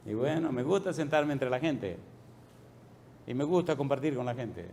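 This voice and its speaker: A middle-aged male pastor preaching a sermon, pressing the congregation with repeated questions and dropping to a soft low voice at the ends of phrases. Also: expressive, moderate pace, slight background noise.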